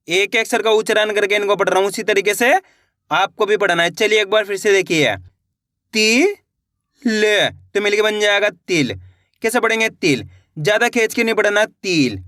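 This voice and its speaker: A man's voice: high-pitched, bright, forceful tone, no echo, clean studio sound. A man teaching a children's reading lesson, sounding out words one syllable at a time with patient, encouraging explanations.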